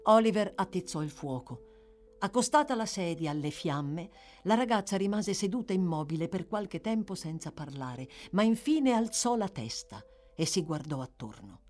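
A woman narrating a classic novel as an audiobook, measured and expressive. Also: lowish voice, soft background music. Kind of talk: scripted literary narration.

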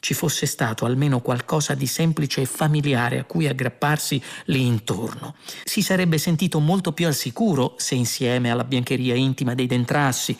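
A man narrating an audiobook in a measured, wry manner. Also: mid-range voice.

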